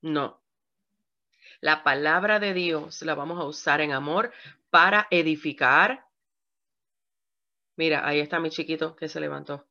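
Bright-voiced woman pastor preaching. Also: low-pitched, measured pace, long pauses. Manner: lively preaching, asks the audience questions. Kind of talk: sermon to a women's group. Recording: dull lo-fi recording.

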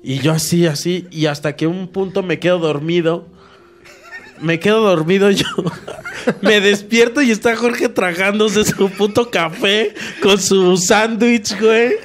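A man with a Mexican Spanish accent telling a crude, animated anecdote on a casual comedy podcast, laughing and swearing as he goes. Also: high-pitched, unhurried. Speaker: podcast co-host.

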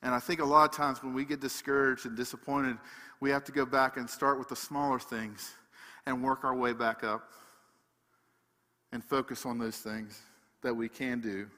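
A man preaching a sermon, emphatic, swinging between loud passages and hushed ones. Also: mid-range voice, flat delivery, moderate pace, big-room sound.

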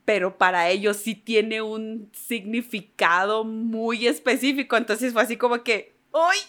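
A Mexican woman in casual chat, talkative and reflective, talking in quick bursts. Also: on the high side, steady tone, fairly bright tone.

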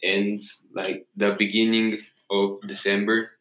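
A young man as the expert guest in a casual interview, giving halting answers with pauses. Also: fairly low pitch, flat delivery, a bit bright. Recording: echoey room.

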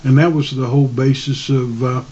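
Mellow, measured man on slightly dull audio. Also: mid-range voice, steady tone. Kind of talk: informal explanatory discussion.

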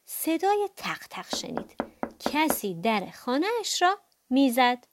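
A woman reading a children's audiobook aloud, playful and animated, adding sound effects. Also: sits high, no room sound. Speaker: storyteller.

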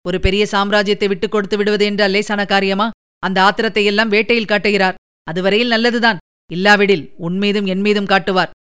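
A woman voicing a calm, worldly prince. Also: medium pitch, clear, resonant tone, pitched below the performer's own voice, lightly acted. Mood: reassuring. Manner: measured, reassuring counsel. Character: calm, worldly male prince advising a younger man.

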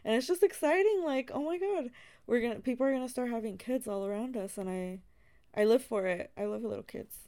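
Clear-voiced young woman chatting casually. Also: a little high, fairly quick, mellow. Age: young adult. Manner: informal, giggly, peppered with "like". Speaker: podcast co-host. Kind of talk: casual chat, reminiscing.

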